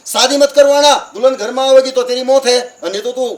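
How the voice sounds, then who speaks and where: A sorrowful male messenger of death, gentle and honest, as a preacher puts him on mid-sermon. The voice is high and sits well back from the mic, with crickets chirping behind. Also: fairly even intonation, fairly quick, recorded from a distance.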